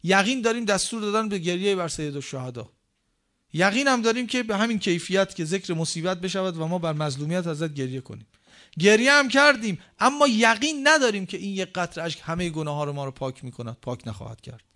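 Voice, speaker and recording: A preacher with a somewhat higher-than-average voice delivers a very animated sermon, posing rhetorical questions and reciting scripture slowly and deliberately. His pitch and volume swing dramatically, booming on key words and sinking almost to silence as each point closes.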